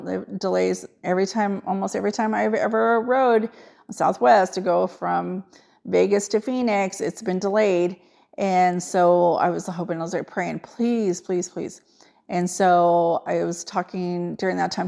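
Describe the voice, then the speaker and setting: A middle-aged woman, a nurse, telling a personal family story in a halting, emotional way with many fillers. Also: fairly low pitch, vocal fry, a little mellow.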